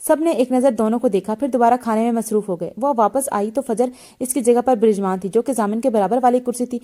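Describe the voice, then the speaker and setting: A woman's voice: fairly high pitch, a little fast, mellow. A woman reading a romance novel aloud and voicing its characters herself, often stumbling and restarting her words. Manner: reads all the characters in a lightly shifted voice, with frequent slips and restarts. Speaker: novel reader.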